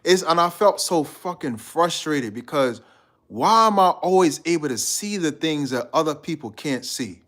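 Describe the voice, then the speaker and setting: His voice sits on the high side, with lively intonation, normal speed, and a slightly bright tone. He's a Guyanese man hosting a live stream, rambling in slang with his viewers and voicing their comments.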